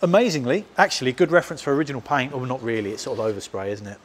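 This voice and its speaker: A man's voice: medium pitch, expressive, racing, slightly rough. A man, hosting a car restoration vlog and explaining his work casually. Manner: chatty, explains as he goes, laughs easily. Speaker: channel host restoring a car. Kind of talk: casual workshop vlog chat. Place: large indoor garage workshop.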